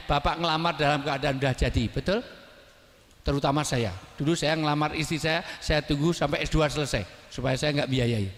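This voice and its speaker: A middle-aged man with a Javanese accent, giving a humorous sermon to a congregation, jokey and breaking into loud, emphatic bursts. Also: medium pitch. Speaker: preacher. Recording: long hall reverb.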